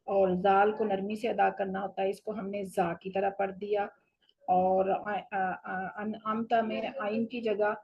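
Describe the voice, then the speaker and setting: A woman teaching a Quran recitation lesson, explaining patiently and slowing down for each recited example. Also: medium pitch, monotone, vocal fry, slightly rough, muffled recording. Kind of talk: tajweed lesson.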